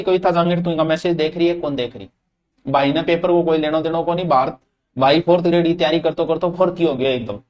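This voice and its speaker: A high-pitched man with a Rajasthani accent runs a live online class on Hindi grammar for exam aspirants. He talks to his students casually and directly, drops into local dialect, and stretches key words out slowly to stress them. His voice is close to the mic. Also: dull audio. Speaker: Hindi grammar teacher for exams.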